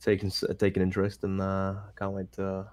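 Deep dude in his 20s, rambly eager stories, dry close sound. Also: monotone, a little fast, dry recording. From England. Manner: eager storytelling with many restarts. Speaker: guest streamer. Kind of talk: casual podcast chat.

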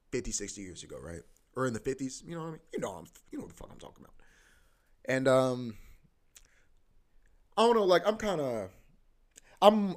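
In a mid-range voice, this young man hosts a podcast with a loose, rambling, profane monologue. He keeps circling back, restarting often, and fills space heavily with "bro" and "you know what I mean."

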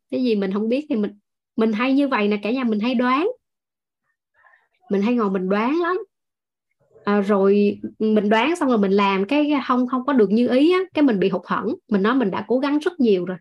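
A woman's voice: fairly high pitch, muffled recording. A woman with a Southern Vietnamese accent teaching a class in a chatty style, laughing often and speaking to her listeners as family. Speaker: course instructor. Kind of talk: online class lecture with storytelling.

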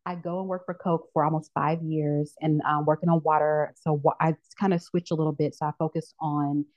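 A woman in her thirties, a podcast guest telling her career story in a casual chat, lively and acting out the voices of people she quotes. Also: sits low, fairly quick. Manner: animated storyteller who acts out quoted voices. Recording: dull lo-fi audio.

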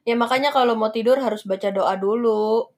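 A middle-aged mother in casual chat, telling a story in a measured, reassuring way. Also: fairly high pitch, a little mellow.

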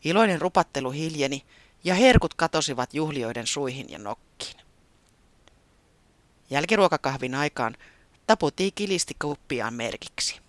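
Lively storybook narrator. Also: mid-range voice, pauses often, no echo. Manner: lively, expressive read.

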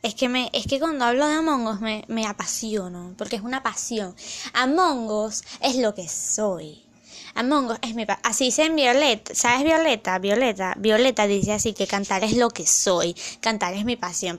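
A young woman chatting in a casual vlog, excitable and rambling, loud at times and slipping into English phrases. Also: on the high side, normal speed. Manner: loud, near shouting at times. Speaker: vlogger.

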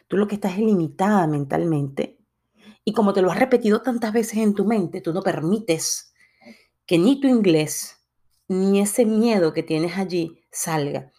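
A woman's voice: medium pitch, a little slow, dark tone. A young Latin American woman with a Latin American accent, giving an earnest motivational talk with hesitant fillers and restarts. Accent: Latin American Spanish. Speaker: motivational speaker.

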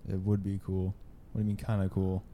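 A man's voice: sits low, monotone, a little fast, dark tone, a little hiss or hum. A young man co-hosting a podcast in casual, crude, argumentative chat. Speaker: podcast co-host.

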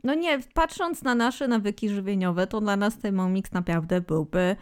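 A woman's voice: mid-range voice, normal speed, clean tone. A woman in her thirties co-hosting a podcast, chatting casually and teasingly, with a matter-of-fact way of cutting in. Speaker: podcast co-host. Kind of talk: casual chat.

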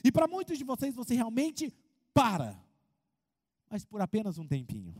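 A man preaching a sermon as pastor, in an animated way. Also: very high voice, normal speed, slightly rough, big-room sound. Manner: animated preaching, acts out congregants' voices.

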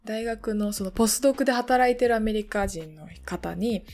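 A woman's voice: a little high, normal speed, darkish tone. Young woman chatting with fillers. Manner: chatty, many fillers, laughs while telling a story. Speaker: podcast co-host. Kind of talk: casual chat.

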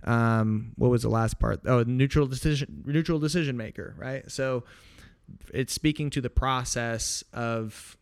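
A man's voice: mid-range voice, unhurried, smooth. A man co-hosting a podcast, explaining legal ideas in a loose, rambling casual chat with restarts and jokey asides. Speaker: podcast co-host.

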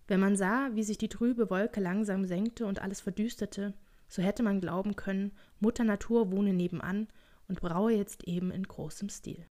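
Woman audiobook narrator, measured, expressive, mid-pitched voice.

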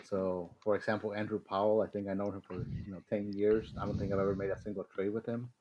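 A low-pitched man from Mexico talks as a podcast guest, wandering through his thoughts with plenty of "uh"s and restarts. His voice stays fairly flat in tone. The recording is a little dull and lo-fi, with a faint hiss underneath. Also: fast talker. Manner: rambling, many fillers and restarts. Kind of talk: casual podcast chat. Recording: slightly dull lo-fi sound with faint noise.

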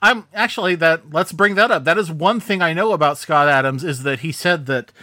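A man co-hosting a podcast, chatting casually and telling stories in an animated, joking way. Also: a little high, brisk, dry recording, studio quality. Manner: animated, jokey storyteller. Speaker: podcast co-host. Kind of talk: casual chat.

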